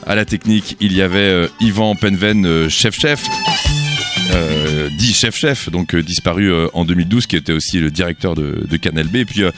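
A middle-aged man presenting a radio show unscripted, in a halting, hesitant way. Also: low voice, music in the background. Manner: hesitant, stretching out words. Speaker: radio host.

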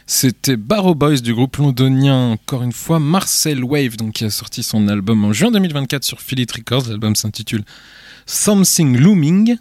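A man's voice: medium pitch, normal speed, few pauses, a little mellow, no echo. A man co-hosting a music radio show in casual chat, telling anecdotes and correcting himself as he goes. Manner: chatty, anecdotal, self-correcting. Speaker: radio co-host presenting music.

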